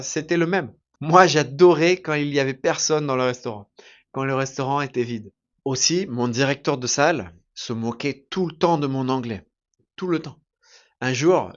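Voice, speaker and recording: Man, slightly high voice, teacher telling a story, emphatic and repetitive, dull lo-fi sound. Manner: repetitive, emphatic, deliberate phrasing. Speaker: French teacher. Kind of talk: slow storytelling lesson for learners.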